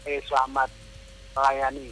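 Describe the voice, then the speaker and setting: A man's voice: medium pitch, completely flat delivery, moderate pace, pushed and bright, faint music behind. A man calling in to a radio show over a crackly phone line that cuts in and out, answering in short, clipped words. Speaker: radio caller. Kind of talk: call-in chat.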